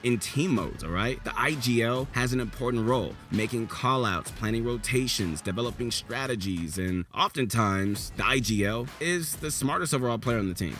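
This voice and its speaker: A man's voice: mid-range voice, animated, normal speed, few pauses, fairly bright tone, faint music behind. A man hosting a scripted gaming countdown as a coach, talking in a hyped, motivational, slangy way. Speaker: host and coach.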